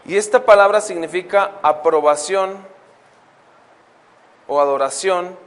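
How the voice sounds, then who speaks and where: A man with a fairly high voice teaches a Bible lesson from the pulpit. He reads scripture slowly and keeps turning to the congregation with questions. His words ring out with a long reverb, as in a church hall. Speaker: preacher.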